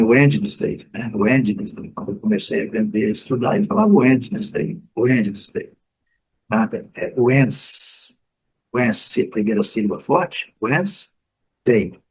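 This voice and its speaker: A man from Brazil giving a casual, unscripted pronunciation lesson, full of fillers and restarts, repeating example words slowly. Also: medium pitch, creaky, husky, low-quality recording. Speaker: English teacher.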